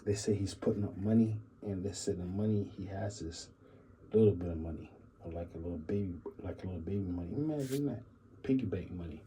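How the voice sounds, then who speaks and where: Male channel host, low dark voice, loose repetitive musing commentary. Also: fast talker, slight background noise, poor audio. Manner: repetitive, musing, keeps saying "imagine that"; half-joking asides, trails off quietly. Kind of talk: rambling solo commentary.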